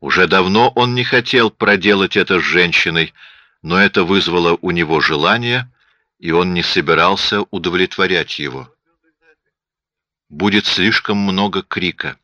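A man reading a story as an audiobook narrator, in a steady even delivery, on dull lo-fi audio. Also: low voice, normal speed, no room sound. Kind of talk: scripted narration.

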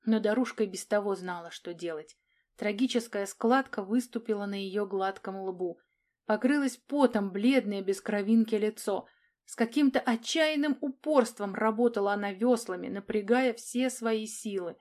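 Woman, audiobook narrator, expressive, dramatic reading, medium pitch. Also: moderate pace.

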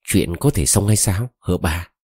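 A man's voice: low voice, animated, normal speed, darkish tone, husky, dry recording, heavily acted. A man voicing a desperate, lovesick young woman who pleads tearfully, read close to a dry mic.

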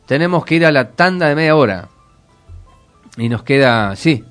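An Argentine man with a Rioplatense accent hosts a radio show in a fairly high male voice, with music underneath. He comments emphatically, posing questions and repeating himself for weight. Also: expressive, moderate pace, fairly bright tone. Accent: Rioplatense Argentine Spanish. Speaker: radio host.

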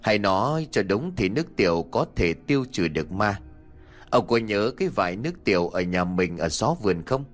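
A cruel, scheming elderly wife snaps orders at her timid husband, as a male storyteller puts her on. Her voice sits fairly low yet swings widely in pitch. She scolds with a bossy, cutting edge. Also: animated, normal speed, faint music behind, close to an everyday voice.

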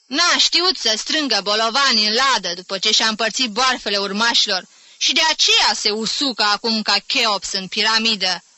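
A woman voicing a gruff man who speaks harshly and ironically, in an audiobook reading. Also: mid-range voice, animated, bright, forceful tone, no room sound, low-quality recording. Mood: stern, mocking. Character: gruff sententious man at a family dinner.

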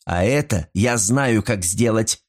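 A man voicing a cold, scheming young woman who speaks in a deliberate, icy way, in a storybook reading. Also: fairly low pitch. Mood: coldly menacing.

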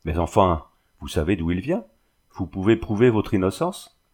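A man's voice: deep voice, big pitch swings, normal speed, darkish tone, husky, full character voice. Male reader voicing an insistent, suspicious young suitor in a storybook reading. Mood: accusing. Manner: pleading and insistent. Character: suspicious pleading young man, her cousin.

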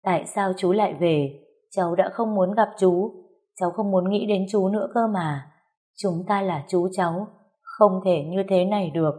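A woman's voice: mid-range voice, normal speed, mellow, lightly acted. A woman reading aloud and voicing a seventeen-year-old girl who is tearful and reproachful.

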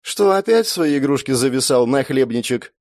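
A man voicing a sharp-tongued young woman who scorns her younger brother, sarcastic and quick to threaten. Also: medium pitch, very animated, no room sound, studio quality, voice pushed up. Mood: mocking.

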